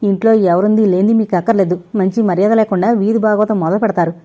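Woman reading a curt, irritable husband, dark mellow tone, audiobook. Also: mid-range voice, steady tone, quick pace, muffled recording, lightly acted. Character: grumbling middle-aged husband, irritable.

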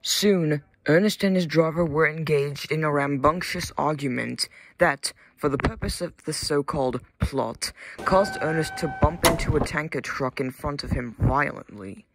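A man narrating a comic toy-train story in a deadpan, wry manner. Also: fairly high pitch, poor audio. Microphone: phone.

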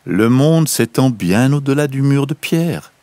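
A man's voice: medium pitch, animated, measured pace, darkish tone, dry recording, pitched above the performer's own voice. A man voicing a protective mother duck in a storybook. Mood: gentle.

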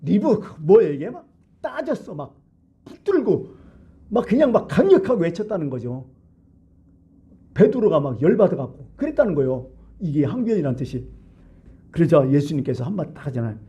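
A man's voice: a little high, very animated, normal speed, long pauses, mellow, slightly rough. A middle-aged male pastor giving a conversational sermon in a church, asking the congregation questions and acting out quoted lines. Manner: conversational preaching with rhetorical questions and acted-out quotes. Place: church sanctuary.

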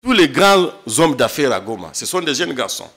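Very animated, the eastern Congolese lawyer in his thirties argues passionately during a studio political interview, repeating words for emphasis. His voice is a little high and a bit bright at a moderate pace, with soft background music and a desk mic.

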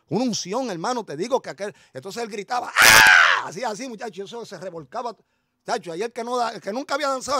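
A middle-aged Puerto Rican pastor preaching an animated, story-filled sermon to his congregation. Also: high-pitched.

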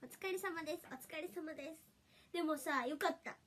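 Young female idol streamer, high bright pitch, stuffy cold voice, playful and giggly. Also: moderate pace, a little hiss or hum. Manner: giggly and playful, frequent laughter. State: nasal from a summer cold. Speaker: idol livestreamer. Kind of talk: casual livestream chat reading comments.

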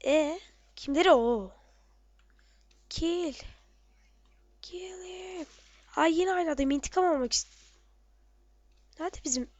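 A woman giving casual, excitable commentary on her own gameplay, muttering to herself and shouting at enemies. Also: high-pitched, moderate pace, long pauses, dry recording, muffled recording.

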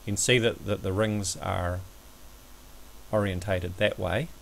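A man giving a measured, somewhat hesitant step-by-step explanatory commentary over a screen recording, as an amateur astronomy presenter. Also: deep voice, steady tone, creaky, slight background noise, poor audio.

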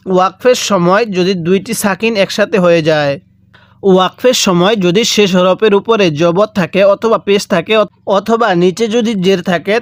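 A man teaching Quran reading, spelling out letters and vowel marks and drawing out syllables slowly for listeners to repeat after him. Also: high voice, no echo. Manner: draws out recited syllables very slowly. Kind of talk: step-by-step recitation lesson.

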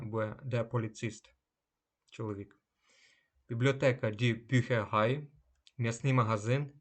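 A man teaching German vocabulary in a scripted lesson, slowing down to say each German word clearly. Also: medium pitch, a bit bright. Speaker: language teacher.

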